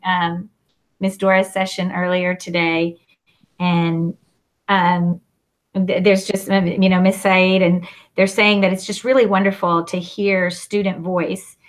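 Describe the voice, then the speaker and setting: Woman moderating a teacher panel. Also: fairly low pitch. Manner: warm shout-outs, thinking aloud with fillers. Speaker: panel host.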